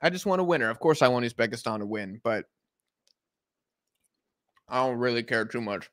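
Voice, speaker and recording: An animated American man with a medium-pitched, slightly bright voice talks at a moderate pace in a dry, clean studio recording. He's hosting a live football watch-along from his couch at home, laid-back and rambling as he answers chat on the fly.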